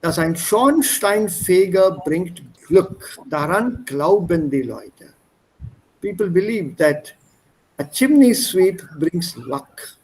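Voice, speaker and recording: A man with a fairly high but somewhat dark-toned voice teaches German in an online class, explaining vocabulary and moving between German and English. He's captured over a video call with poor audio.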